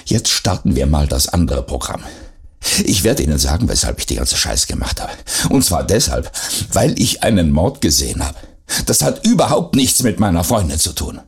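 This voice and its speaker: A cornered young cop, hot-tempered and defiant, pushing his words out in a deep, gravelly register, as a man reads him. The husky edge gives him a rough, strained sound. It sounds like a tense scene from an audiobook crime novel. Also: very animated, normal speed, exaggerated voice.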